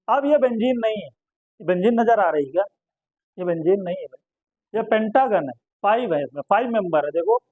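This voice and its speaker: A man teaching chemistry in a very high voice. He keeps quizzing his class and answers his own questions at once. The sound is dry and close, with a dull, muffled tone. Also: dry recording. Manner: asks students questions and answers them himself, repeats terms. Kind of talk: classroom lecture.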